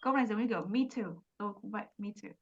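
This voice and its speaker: Woman ESL tutor, Vietnamese accent, brisk explainer, dull lo-fi call audio. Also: medium pitch, a little hiss or hum. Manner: quick explanations in Vietnamese, slow careful English modeling. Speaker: English teacher. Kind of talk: online English lesson, mixing Vietnamese and English.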